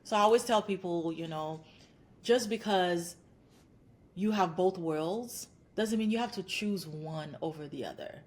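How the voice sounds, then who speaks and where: A Haitian clinical psychologist in her thirties is a guest on a podcast interview, speaking at a measured pace in a lowish voice. She answers earnestly and encouragingly, often building her points into lists.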